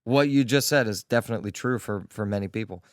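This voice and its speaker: A man's voice: fairly low pitch, quick pace, no room sound, clean studio sound. A man co-hosting a faith podcast in casual chat, building his points with repetition and lots of "like". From Delaware, USA. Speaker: podcast co-host.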